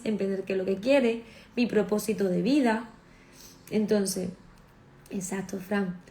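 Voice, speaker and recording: A woman therapist speaking conversationally about natural health, animated and acting out the voices of her patients. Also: medium pitch, reverberant. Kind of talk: casual conversational talk.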